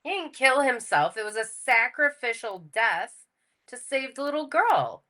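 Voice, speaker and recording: A woman co-hosting a podcast in casual chat, teasing her partner with quick retorts and frequent laughs. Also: on the high side, expressive, sharp tone. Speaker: podcast co-host.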